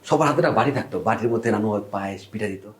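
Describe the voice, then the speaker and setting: A man's voice: fairly low pitch, rapid-fire, natural voice. A man playing a character in a TV drama who fondly recalls childhood winter treats. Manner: fond, reminiscing. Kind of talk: TV drama acting.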